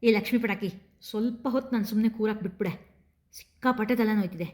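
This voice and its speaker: A woman's voice: mid-range voice, fast talker, natural voice. Tired young groom's cousin type, grumbling and snappish, woman narrator doing the voice, storybook reading. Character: young man, tired and irritable.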